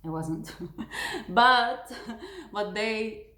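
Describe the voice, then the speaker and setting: A woman's voice: mid-range voice, drawn-out words, pushed and bright. Earnest woman confiding in a roomy space. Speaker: vlogger. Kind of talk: personal storytelling to camera. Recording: roomy echo.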